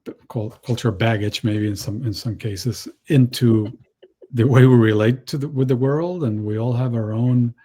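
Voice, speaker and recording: A man who grew up in Chile, speaking as a panel guest in a halting way, with many restarts and fillers. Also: mid-range voice, warm tone, husky. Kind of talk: panel discussion.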